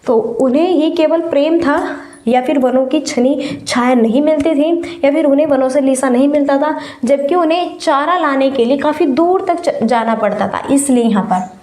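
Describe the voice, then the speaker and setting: A woman teacher giving an exam-prep lesson while feverish, explaining slowly and repeating key words for stress. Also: sits high, darkish tone, roomy sound.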